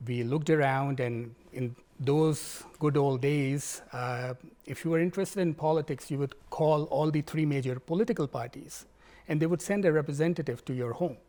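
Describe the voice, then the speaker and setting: A man, answering interview questions in a measured, formal way as a political candidate. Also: a little high, dark tone. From Pakistan.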